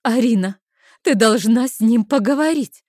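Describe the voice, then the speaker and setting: A woman reading an audiobook, voicing a pushy, excitable young woman friend with loud, insistent exclamations. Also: on the high side, moderate pace, dry recording, clean studio sound, pitched above the performer's own voice, natural voice. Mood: demanding. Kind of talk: audiobook character voice.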